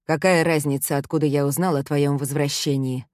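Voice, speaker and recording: A woman reading the part of an intense, obsessive young man in a storybook, speaking calmly and pressingly. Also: deep voice, a little fast, dry recording, studio quality, lightly acted. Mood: pleading. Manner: calm, quietly pressing.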